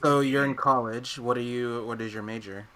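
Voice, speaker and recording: A man's voice: medium pitch, fairly even intonation, moderate pace, a crowd in the background. A man in his mid twenties hosting a casual podcast, introducing his friends with lots of laughter. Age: 20s. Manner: giggly, introducing others. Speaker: podcast host. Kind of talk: casual chat.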